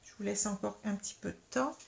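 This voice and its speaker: Woman, tarot reader, patient step-by-step explaining, middle pitch. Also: fast, vocal fry. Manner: patient, explains step by step, frequent "hein" and "euh". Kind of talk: guided tarot reading to camera.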